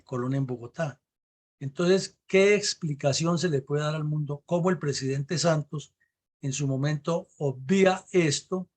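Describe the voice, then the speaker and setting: Colombian male host, middle-aged, slightly high voice, indignant rhetorical commentary. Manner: rhetorical, questioning.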